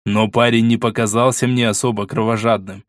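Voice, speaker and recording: A man's voice: on the low side, level tone, fairly quick, dry recording, clean studio sound, lightly acted. A man voicing a worried archduke who pleads with his wife in an earnest, insistent way. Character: worried, persuasive older archduke, husband.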